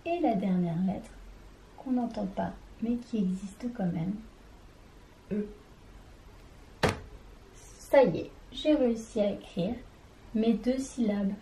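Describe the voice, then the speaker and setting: A woman teaches a children's reading lesson, talking straight to the child and sounding out each syllable. Her voice is warm and mellow, and her pace is very unhurried. The room has a noticeable echo. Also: mid-range voice, slight background noise. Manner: slow, careful, syllable by syllable; addresses the child directly.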